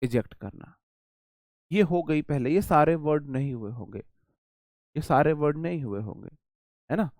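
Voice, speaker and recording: A man's voice: fairly high pitch, normal speed, long pauses, a little mellow, dry recording. A man teaching English vocabulary in a live online class, chatty and repeating words while he explains memory tricks and answers the chat.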